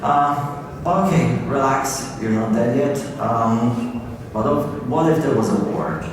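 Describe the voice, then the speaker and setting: A man's voice: medium pitch, slow. A man from Poland giving a keynote conference talk, chatting casually with many fillers and "like". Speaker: keynote speaker. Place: large conference hall. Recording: distant, echoey hall with noise.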